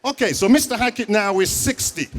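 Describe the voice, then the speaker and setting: High-voiced man giving a talk. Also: brisk. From England. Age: 40s. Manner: engaging, asks the audience questions. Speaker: school principal, speaker. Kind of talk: conference talk to an audience.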